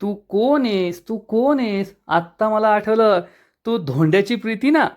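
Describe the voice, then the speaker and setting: Narrator doing a brash gossipy young woman, loud and nosy, pokes fun at people with no filter, middling pitch, retold serial scene. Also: normal speed, lightly acted. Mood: brash teasing. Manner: teasing, blunt and nosy.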